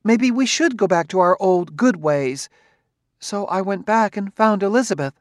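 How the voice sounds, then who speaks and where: A man's voice: high voice, animated, normal speed, dry recording, clean studio sound, voice pushed up. A man reading an audiobook, voicing a chatty, anxious middle-aged wife who rambles on in a raised voice. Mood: rambling.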